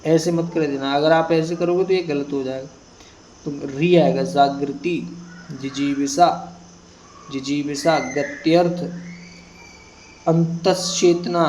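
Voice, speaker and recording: A man teaching Hindi spelling, reading out a word list slowly and repeating each word for students to copy. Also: fairly high pitch, steady tone, darkish tone, slight background noise, poor audio. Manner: slow, repetitive word-by-word dictation. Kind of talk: exam prep lesson, reading word list.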